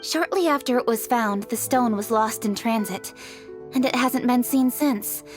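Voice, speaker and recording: An actress playing an earnest young female scholar who explains old traditions in a measured, thoughtful way. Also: a little high, soft background music, natural voice. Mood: explaining.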